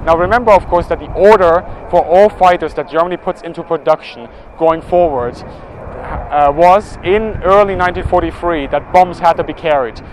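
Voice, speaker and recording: 30s male presenter, a bit high-voiced, brisk explainer, outdoors with loud air show noise behind. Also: rough recording. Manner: informative, brisk, pointing out details. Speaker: military history presenter. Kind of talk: walkaround tour explanation.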